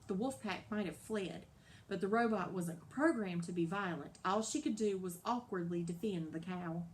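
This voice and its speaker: A woman narrating a children's novel aloud in a lively, dramatic storybook style. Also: mid-range voice, a little hiss or hum. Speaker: audiobook narrator.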